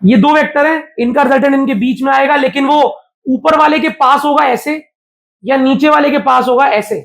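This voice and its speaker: A man's voice: very high voice, normal speed, creaky, fairly bright tone. A man teaching a physics class live to students, talking casually and often throwing questions at the class. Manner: chatty, keeps quizzing the class.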